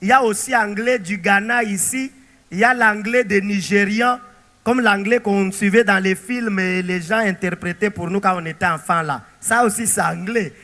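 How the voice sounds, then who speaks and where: A male pastor preaching a sermon, animated and throwing rhetorical questions to the congregation. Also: sits high, moderate pace, long reverb tail.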